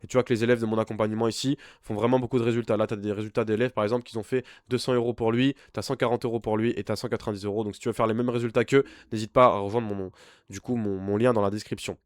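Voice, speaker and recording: A man's voice: on the low side, steady tone, very fast, dry recording. Blunt young man coaching in a dry voice. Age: young adult. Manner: blunt, pushy, talks straight at the viewer. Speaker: online business coach. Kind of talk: informal screen-share tutorial.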